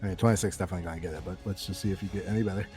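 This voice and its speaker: A man acting as game master, narrating scenes in a loose, rambling way and laughing often, with soft music in the background. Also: low-pitched, steady tone, rapid-fire, slightly rough. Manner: giggly, loose, rambling descriptions.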